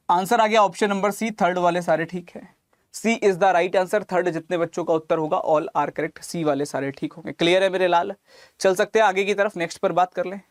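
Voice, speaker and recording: With a voice that sits high, a man runs an online reasoning class for exam prep, taking students through calculations step by step. He affectionately calls them lalla and mere lal and mixes in English; the recording is dry and studio quality.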